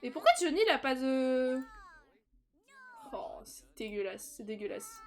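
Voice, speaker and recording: Her voice is high and her pace a touch slow as this young woman chats through a live stream of a life-simulation game. She's casual and talkative, laughing often and breaking into excited squeals.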